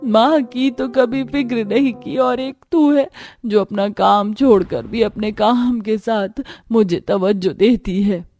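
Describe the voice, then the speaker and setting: A woman voicing a poor, aging mother in a cartoon story, speaking softly and sadly. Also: mid-range voice, slow, few pauses, dry recording, faint music behind. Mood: hurt. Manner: soft, subdued and pleading.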